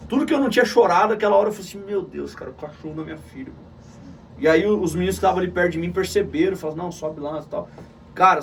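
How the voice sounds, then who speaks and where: A middle-aged man with a southern Brazilian Gaúcho accent, telling an emotional personal story as an interview guest in an animated way. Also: high-pitched, vocal fry, far from the mic, a little hiss or hum. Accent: Gaúcho Brazilian Portuguese. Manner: animated, calls the listener "cara" often.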